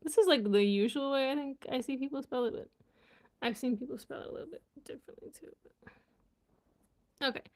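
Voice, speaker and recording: A woman's voice: high voice, a little fast, long pauses, a little mellow. A young woman chatting casually on a live stream, giggling and sounding out words as she learns them. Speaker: vlogger and language learner.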